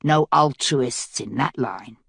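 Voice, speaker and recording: A woman's voice: very deep voice, slow, gravelly, husky, no echo, studio quality, heavily acted. A woman voicing a cynical, scheming male prisoner who speaks in a mocking drawl.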